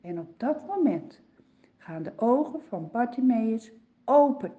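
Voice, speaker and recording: A woman telling a Bible story for children in a slow, expressive way, on a dull lo-fi recording. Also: fairly high pitch. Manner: slow, expressive, swooping delivery.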